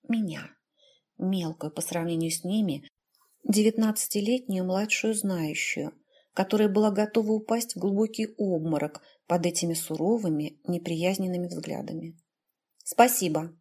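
A woman narrating a first-person fantasy novel as an audiobook, in a measured, even storytelling manner. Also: medium pitch, husky.

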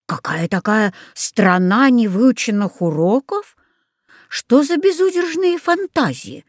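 A woman's voice: fairly high pitch, sing-song, slow pace, no room sound, clean studio sound, heavily acted. A woman voicing a stern scolding father. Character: stern strict father, middle-aged man.

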